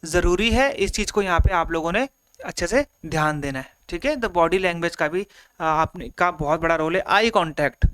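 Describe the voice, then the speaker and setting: Man, online exam lecture, high bright voice, smooth crisp tone, explains simply with examples. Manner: explains in simple repeated steps, acts out examples; mixes Hindi with English terms. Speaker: exam prep teacher.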